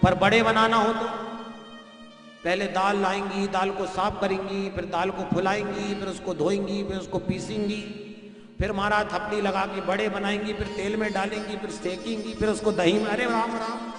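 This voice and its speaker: A man's voice: high voice, little pitch movement, moderate pace, a bit bright. A man preaching a devotional story sermon to an audience, chatty and folksy, with homely examples addressed straight to his listeners. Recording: echoey hall with faint music.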